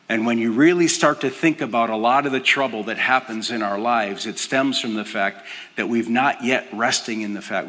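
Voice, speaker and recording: An older man preaching a sermon, earnest and dropping to a soft hush for emphasis. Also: medium pitch. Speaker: pastor. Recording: long hall reverb.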